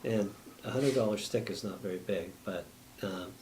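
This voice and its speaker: A man's voice: on the low side, normal speed, a little mellow, a little hiss or hum. A man explaining a bylaw at a council meeting, talking in a rambling, earnest way with folksy sayings.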